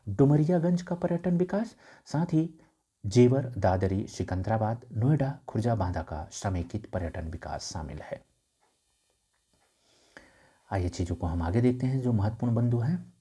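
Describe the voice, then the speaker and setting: A man's voice: on the low side, dark tone, breathy edge. A young man teaching an exam-prep lesson, repeating key points and trailing off into a near-whisper at the end of phrases.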